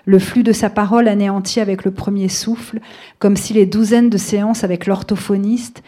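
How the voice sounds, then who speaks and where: A woman author talking about her fiction and reading a passage of it aloud in a measured, thoughtful way. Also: medium pitch, fairly even intonation, mellow.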